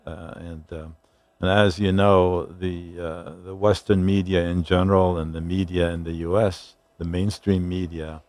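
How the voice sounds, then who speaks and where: A man's voice: low-pitched, level tone, darkish tone, no echo. An older man from Palestine, a museum founder, speaking in a radio interview with frequent hesitant fillers. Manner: halting, many "uh" fillers.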